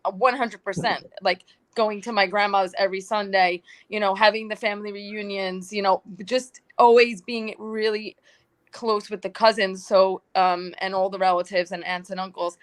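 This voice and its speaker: A young woman from New York chatting as a podcast guest, telling animated stories full of quoted asides. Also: mid-range voice. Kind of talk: casual roundtable chat.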